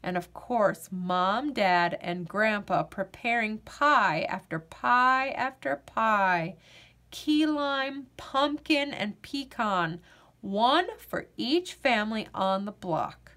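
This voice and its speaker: A woman reads a children's picture book aloud, telling the story expressively. Her voice is mid-range and her pace slow.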